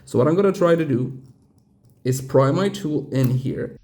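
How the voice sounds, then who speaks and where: A man's voice: medium pitch, animated, normal speed, dark tone. A man talking through a hands-on watch repair tutorial in a chatty, digressive way with casual asides. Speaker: watch reviewer.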